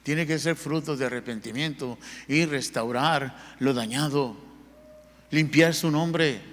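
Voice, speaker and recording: A man's voice: a little high, slow pace, a bit bright. A man preaching a sermon as pastor, telling his own testimony in an earnest, conversational way. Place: church sanctuary. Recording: long church hall reverb.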